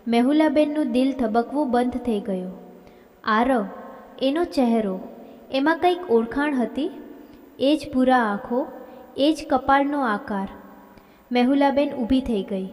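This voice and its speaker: A woman reading a dramatic story aloud as narrator, in an even storytelling manner. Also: high voice. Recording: long hall reverb.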